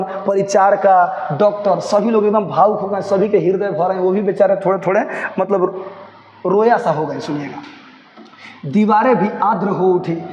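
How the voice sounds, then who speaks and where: A high-voiced man explains a story to his students line by line. He reads each sentence, then restates it in plainer words and keeps urging them to listen closely. The recording sounds roomy, with a long echo, a dull lo-fi tone and faint noise behind. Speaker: teacher.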